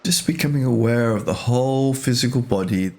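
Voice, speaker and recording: In a medium-pitched voice, a meditation teacher guides his listeners gently and unhurriedly. He speaks in short phrases, pausing between them.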